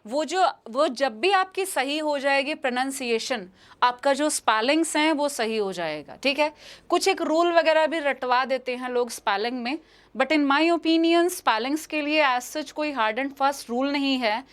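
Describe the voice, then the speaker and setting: A woman's voice: high-pitched, expressive, measured pace. A young woman with an Indian accent giving a live English exam-prep lesson, repeating each question and answer and calling her students "beta". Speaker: English teacher.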